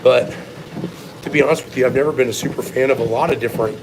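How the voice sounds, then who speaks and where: A man's voice: mid-range voice, fast talker, noisy background. A man giving blunt, opinionated, sometimes profane answers in a casual live question-and-answer chat as a strength coach.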